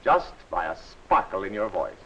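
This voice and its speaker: A man narrating a 1940s instructional film in a friendly, instructive and measured way. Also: low voice, sing-song, a bit bright, slight background noise. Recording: dull old film soundtrack.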